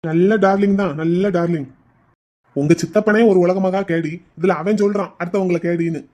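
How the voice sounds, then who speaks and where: A man voicing a grumbling but kind man in a cartoon who drives a child to school and scolds him gently. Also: high-pitched, steady tone, moderate pace, lightly acted. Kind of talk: cartoon voice acting.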